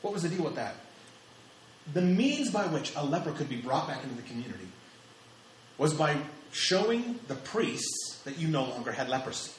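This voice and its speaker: A man's voice: on the high side, sing-song, normal speed, a little hiss or hum. A man in his thirties preaching a sermon, emphatic and repeating phrases for stress. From United States. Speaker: pastor. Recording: echoey hall with faint ambience.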